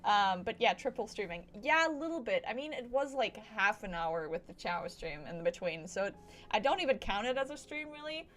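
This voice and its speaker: A woman livestreams a video game, chatting playfully to both the game and her viewers over game music. Her medium-pitched voice is a bit bright, fairly quick and lively in intonation.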